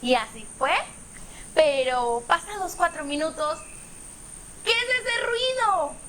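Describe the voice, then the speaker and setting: High, slow-reading woman storyteller. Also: a little hiss or hum. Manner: animated, with playful sound effects. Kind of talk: expressive children's story reading.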